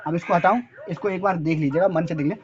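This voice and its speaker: A man's voice: a little high, fast, a little mellow, lo-fi sound. Hindi-accented man drilling English words. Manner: repeats quiz questions and answers, spells words letter by letter. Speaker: English teacher. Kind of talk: spoken-English lesson at a board.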